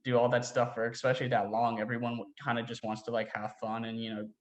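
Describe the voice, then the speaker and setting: A young man answers interview questions in a loose, rambling way, leaning on "like" and "you know" between thoughts. His voice sits at an ordinary middle pitch. The recording carries a noticeable roomy echo. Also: completely flat delivery, quick pace. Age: young adult. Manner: rambling, heavy use of "like" fillers. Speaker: interview guest. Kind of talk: casual interview talk.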